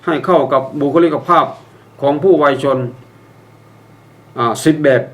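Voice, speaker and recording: A man's voice: fairly high pitch, unhurried. An older man teaching how to write and read a eulogy, explaining step by step with wry examples and polite phrasing. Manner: polite, ends phrases with a courteous particle. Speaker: public speaking instructor. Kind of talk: instructional talk.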